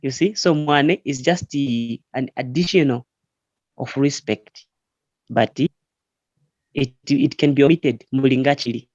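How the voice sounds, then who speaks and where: A man's voice: mid-range voice, unhurried, long pauses, a little mellow, no echo, lo-fi sound. Patient male language teacher on a call. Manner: patient, explains step by step with repeated examples. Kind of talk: online language lesson. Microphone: online call.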